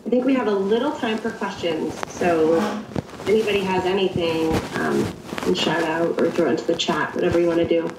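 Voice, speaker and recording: A woman hosting a video call, thanking the guest warmly and opening it up for questions. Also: fairly low pitch, fairly quick. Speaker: event host. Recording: echoey distant call audio with noise.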